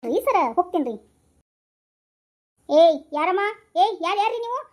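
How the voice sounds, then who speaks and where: Skit role: woman voicing a deferential, slow-witted male constable, North Karnataka accent, very high voice. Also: big pitch swings, darkish tone. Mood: chatty. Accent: North Karnataka Kannada. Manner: chatty, deferential to his boss. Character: dim, chatty male police constable. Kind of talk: comic skit acting.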